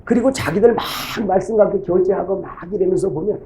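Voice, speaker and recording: A man's voice: sits high, fast talker, dark tone, poor audio. A middle-aged man preaching a sermon as pastor, telling folksy stories and acting out his church members' voices.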